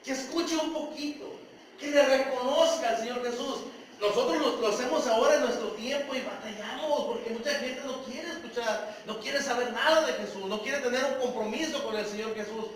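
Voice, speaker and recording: A man delivers an earnest sermon in a strikingly high voice, often pausing to ask the congregation questions. He sits at a distance from the microphone. His voice rings through a very reverberant church hall over a faint hiss of background noise. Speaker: preacher. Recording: echoey church hall, mic far off.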